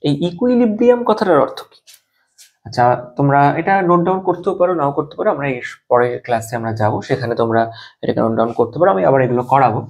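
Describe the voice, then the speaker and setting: A male teacher gives a classroom lecture in a gravelly voice. He works through ideas step by step and keeps checking that his students follow. He slows right down when dictating key terms. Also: mid-range voice, a little mellow. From West Bengal.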